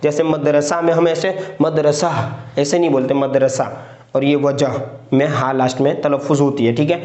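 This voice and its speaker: A man teaching how to write letters and words, speaking patiently, repeating words slowly and checking in with his students as he writes. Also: fairly high pitch, fairly even intonation, darkish tone. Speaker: Urdu writing teacher. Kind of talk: spoken lesson explaining letters while writing. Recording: echoey, muffled lo-fi room recording.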